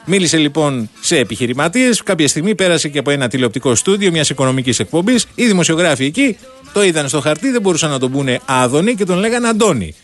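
A man runs a call-in radio quiz in a fairly high voice that swings widely in pitch. He teases his callers playfully. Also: very animated, faint music behind.

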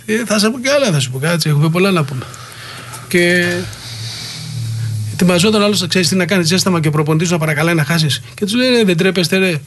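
A man's voice: high-pitched, lively intonation, slight background noise. A middle-aged man, a former wrestler, being interviewed and telling rambling, heated anecdotes full of quoted dialogue. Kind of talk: interview storytelling.

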